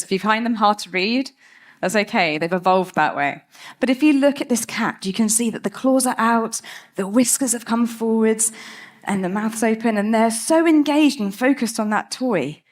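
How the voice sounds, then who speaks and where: A woman giving a lively, chatty talk on stage as a cat behaviour speaker, laughing often. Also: a little high, moderate pace. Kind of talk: TED-style talk.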